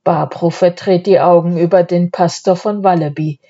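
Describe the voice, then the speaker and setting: A woman narrating a children's story in a calm, measured way. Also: lowish voice, highs cut off. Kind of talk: audiobook reading.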